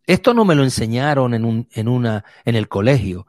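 A man preaching a sermon, vivid, moving between quick runs and slow emphatic words. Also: medium pitch, sing-song, no echo.

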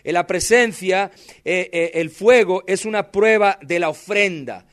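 A man's voice: high voice, a little slow, a bit bright. A male pastor, preaching a sermon with impassioned, dramatic emphasis and addressing the congregation directly. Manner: tells personal stories with dramatic emphasis.

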